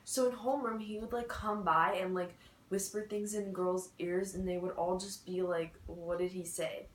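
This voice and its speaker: A woman's voice: lowish voice, steady tone, moderate pace, roomy sound, rough recording. A teenage girl telling a story in a casual vlog chat, full of "like" fillers. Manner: chatty, many "like" and "so, yeah" fillers. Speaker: vlogger.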